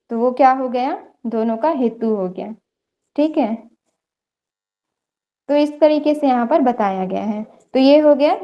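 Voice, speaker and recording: In a muffled recording, a young woman with a high-pitched voice leads an online yoga theory lesson. She breaks the material into steps and keeps checking on her students.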